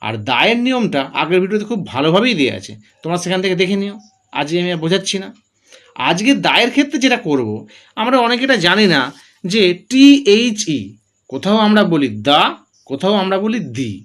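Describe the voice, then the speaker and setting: A man's voice: sits high, very animated, quick pace, a bit bright. A man teaching grammar, who asks questions and answers them himself while drilling through examples. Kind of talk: classroom-style explanation.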